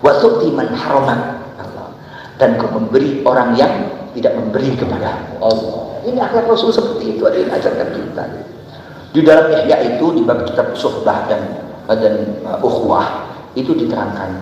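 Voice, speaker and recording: A man preaching a dawn sermon to a gathering, switching between loud emphatic bursts and soft asides and asking the crowd questions. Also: mid-range voice, very animated, normal speed, highs cut off, a little hiss or hum. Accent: Indonesian. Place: large hall with long reverb. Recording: echoey hall, voice from far off.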